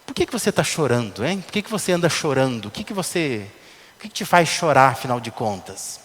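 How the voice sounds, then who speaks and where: A man's voice: medium pitch, big pitch swings, fairly quick, fairly bright tone, big-room sound. A man preaching a sermon, talking to his listeners in a conversational way and asking many rhetorical questions. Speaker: pastor.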